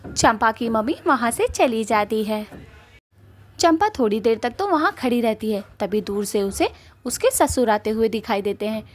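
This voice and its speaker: A woman narrating a cartoon story in a plain, steady way. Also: a little high, moderate pace.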